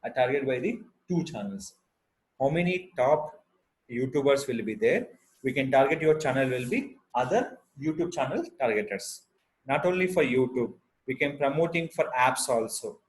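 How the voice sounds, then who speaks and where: A man's voice: mid-range voice, animated, normal speed, rough recording. Indian man with a Telugu accent, giving a tutorial. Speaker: tutorial presenter. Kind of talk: unscripted step-by-step software tutorial.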